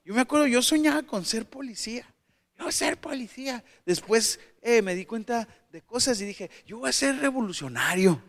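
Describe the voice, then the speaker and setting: A man giving a motivational talk to parents, animated and asking the audience questions, with asides and jokes. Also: extremely high pitch, normal speed. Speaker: speaker addressing parents.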